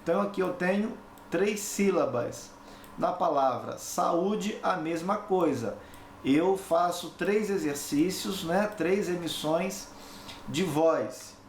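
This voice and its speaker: A male teacher speaks slowly and deliberately in a slightly high voice. He explains point by point and keeps checking in with short tag questions. The recording is roomy and echoey, with a faint hum underneath. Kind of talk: recorded online lesson. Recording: echoey room, faint background noise.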